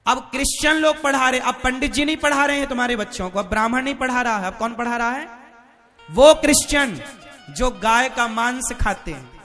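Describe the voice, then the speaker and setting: Man preaching in a very high, bright voice. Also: a little fast, faint music behind. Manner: fiery, keeps asking the crowd for answers. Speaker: spiritual preacher. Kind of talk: sermon to a live gathering.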